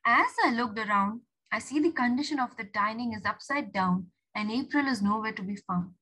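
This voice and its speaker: A woman narrating a short story aloud in an expressive, animated manner. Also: on the high side, moderate pace, slightly rough, low-quality recording.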